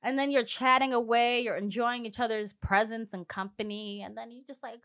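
A young woman co-hosting a casual comedy chat, playful and slangy, often dropping into a low mumble. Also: fairly even intonation, normal speed, fairly bright tone. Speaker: podcast co-host.

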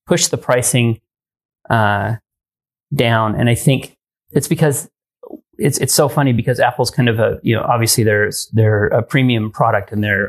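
A man co-hosting a tech podcast, talking casually in a rambling, hesitant way with many pauses and frequent laughs. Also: mid-range voice. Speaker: podcast co-host.

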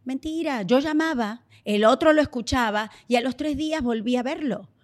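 A woman's voice: high-pitched, normal speed. A married woman co-hosting a casual panel chat, telling stories with drama and laughter. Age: adult, married. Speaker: co-host.

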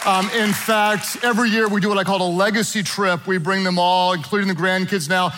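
A man's voice: sits high, a little fast, crowd noise, noisy background. A middle-aged man preaching a sermon to a church congregation, telling family stories with playful humor. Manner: animated storytelling with playful humor. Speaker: pastor. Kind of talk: sermon to a live and online congregation.

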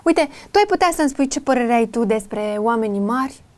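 Lady interviewing a little kid, teasing and coaxing, kinda high voice. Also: animated, darkish tone. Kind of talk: playful interview with a child.

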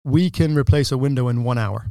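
A man's voice: mid-range voice, a little fast, vocal fry, mellow, no room sound. Brief: man from England, 60s, mid-range voice, detailed and assured, dry studio sound. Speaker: guest, window company owner. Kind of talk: casual interview talk.

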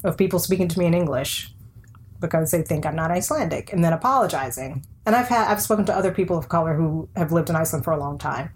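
A woman from the American South co-hosts a casual podcast conversation in a low-pitched voice, talking quickly with lively intonation. She is candid and wry, often acting out what other people said. There is slight background noise.

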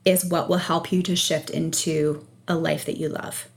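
A woman with a slightly low voice answers as a guest coach in an interview. She explains things conversationally, checking in for agreement as she goes. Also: flat delivery, normal speed, vocal fry. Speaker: energy and life coach, podcast guest.

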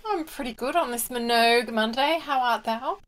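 A woman co-hosting a fan podcast, talking in a bubbly, gushing way. Her chat is loose and excited, full of enthusiastic asides. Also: fairly high pitch, normal speed. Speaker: podcast co-host. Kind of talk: casual chat.

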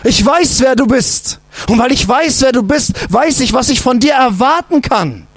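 A man's voice: extremely high pitch, animated, moderate pace, no echo, pitched above the performer's own voice, heavily acted. A man voicing a desperate mother who pleads urgently for help for her sick child, in a sermon. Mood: pleading.

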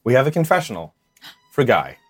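A woman's voice: a bass voice, big pitch swings, fairly quick, over loud music. A woman running a tabletop game as game master, narrating scenes playfully and laughing often.

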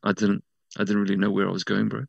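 A man from South Auckland with a New Zealand accent, telling personal stories casually as an interview guest, often halting and correcting himself. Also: lowish voice, completely flat delivery, vocal fry, no echo, highs cut off. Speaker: interview guest working in media.

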